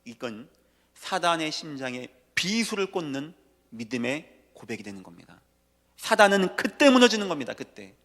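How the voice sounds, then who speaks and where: A man's voice: on the high side, sing-song, normal speed. Emphatic male preacher in a reverberant church. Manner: emphatic, swings between hushed and shouted lines. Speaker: pastor. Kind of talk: sermon. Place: church sanctuary.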